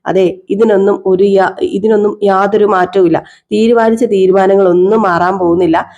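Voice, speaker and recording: A woman's voice: medium pitch, mellow. A woman hosting a casual recap of a TV serial, chatting to viewers and acting out the characters' lines. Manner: chatty, retells scenes and acts out the characters' lines.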